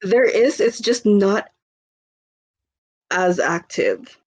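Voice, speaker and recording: Speaking extremely slowly with a breathy edge, a Filipino woman in her twenties chats casually as a podcast guest. Her medium-pitched voice has lively intonation, and her talk rambles with fillers and easy laughter.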